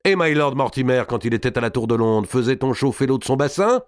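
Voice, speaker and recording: A man's voice: mid-range voice, lively intonation, fast talker, voice pushed up, close to an everyday voice. A man voicing a sly, servile barber who taunts in a close, sneering way.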